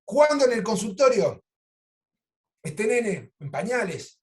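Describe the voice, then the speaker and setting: A man with an Argentine Spanish accent, a psychoanalyst lecturing over a video call and telling clinical cases in a lively, animated way. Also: high-pitched, slow pace. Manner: animated storytelling, acts out quoted lines. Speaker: psychoanalyst teaching an online course.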